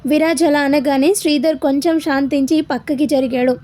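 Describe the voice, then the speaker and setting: A woman's voice: sits high, fairly even intonation, normal speed, warm tone, slight background noise. A woman narrating a serialized story, voicing every character's dialogue herself. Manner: reads all characters in her own voice.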